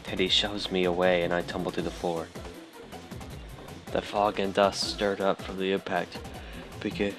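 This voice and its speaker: A man's voice: sits low, little pitch movement, moderate pace, long pauses. A man hosting a let's play, reading the game text aloud in an offhand, dry way, stumbling over lines, with game music behind.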